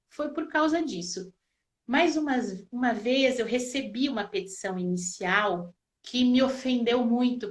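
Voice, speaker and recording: Mom, 40s, high pitch, warm lively storyteller who laughs a lot. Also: female voice. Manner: lively storyteller, laughs often, voice rising with emotion. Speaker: mother and guest. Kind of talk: casual testimony in an interview.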